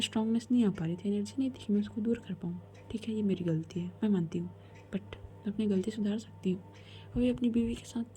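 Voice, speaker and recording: A woman's voice: medium pitch, dark tone. A woman storyteller telling a romance in a casual, chatty way as a whispered role-play, voicing both heroines' lines herself.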